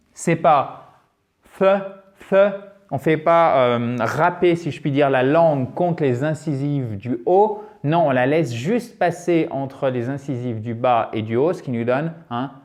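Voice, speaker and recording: A French man with a slightly high voice teaches English pronunciation in a lively, emphatic video lesson, repeating sounds to demonstrate them.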